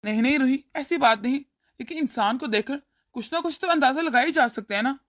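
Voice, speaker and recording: A mild young man from a family cartoon, voiced by a woman, speaking in a fairly high voice. He is calm and reasonable and tries to smooth things over. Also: fairly quick, no room sound, studio quality.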